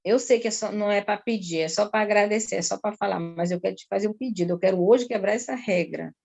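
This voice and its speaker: A talkative woman from São Luís, Brazil, giving an earnest personal testimony to a pastor at a slow, lingering pace. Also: medium pitch, vocal fry, darkish tone.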